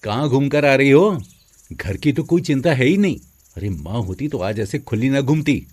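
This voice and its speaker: A man voicing an arrogant, bullying elder brother, scolding and commanding, in an animated moral story. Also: mid-range voice, moderate pace, lightly acted.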